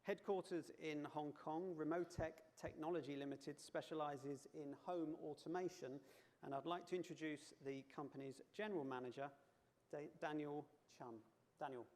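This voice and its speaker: Conference emcee, higher male voice, scripted and smooth, long hall reverb. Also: fairly even intonation, normal speed, a little mellow. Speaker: conference host. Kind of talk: introducing a speaker.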